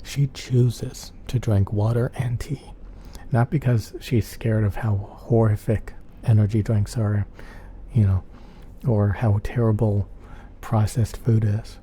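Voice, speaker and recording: A soft-spoken man rambling casually in an ASMR chat, often repeating himself. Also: on the low side. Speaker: ASMR channel host. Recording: clear background noise.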